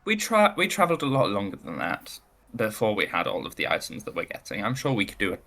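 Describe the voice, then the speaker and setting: A man's voice: fairly low pitch, huge pitch swings, quick pace, bright, forceful tone. A man playing a tabletop role-playing game, bantering casually with dry, wry delivery.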